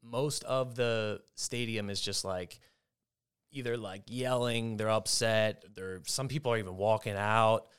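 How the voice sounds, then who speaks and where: A young adult man hosting a casual sports betting talk show, telling stories in an animated, excitable way. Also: fairly low pitch, unhurried, smooth. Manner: animated storyteller, excitable, mimics shouting. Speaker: host.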